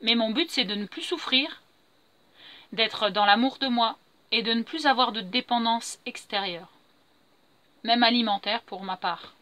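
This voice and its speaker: A woman's voice: fairly high pitch, a little slow, long pauses, bright, forceful tone, dry recording. A middle-aged woman talking earnestly and repetitively about her feelings in a spontaneous spiritual monologue. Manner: earnest, repetitive, self-affirming. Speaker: vlogger sharing personal growth.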